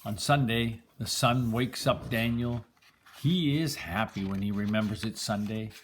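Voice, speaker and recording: An older man reading a children's picture book aloud in a deliberate, expressive storytelling manner. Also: on the low side, slight background noise.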